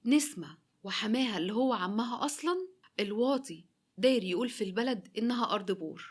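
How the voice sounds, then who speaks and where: A woman's voice: a little high, expressive, fast talker, slightly rough. A woman doing a snide Egyptian gossip.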